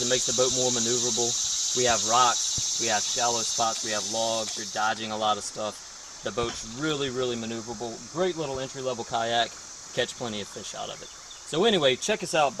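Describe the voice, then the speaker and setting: A man in his thirties, a kayak fishing guide, talking through his gear in a relaxed, plain-spoken way on a wooded river bank, recorded by a camera a few feet away. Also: medium pitch. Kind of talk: outdoor fishing vlog. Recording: outdoor noise, some far-off camera audio.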